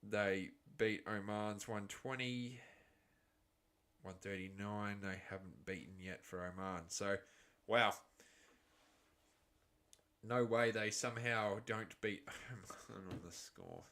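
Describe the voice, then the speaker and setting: Australian man, live cricket reaction commentary, unhurried delivery, crisp voice. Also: on the low side. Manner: excitable calls, chatty asides.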